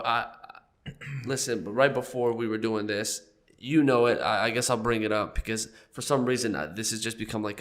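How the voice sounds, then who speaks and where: Medium in pitch and fairly bright, the voice belongs to a young man running a relaxed podcast. He's got a cold that leaves him stuffy and a bit nasal, and he coughs now and then between loose jokes.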